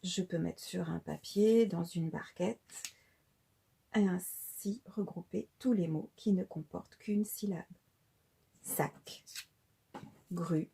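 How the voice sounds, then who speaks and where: Preschool teacher, woman, slow and deliberate, husky mellow voice. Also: lowish voice. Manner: slow and deliberate, spelling out syllables. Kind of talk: slow instructional explanation for parents.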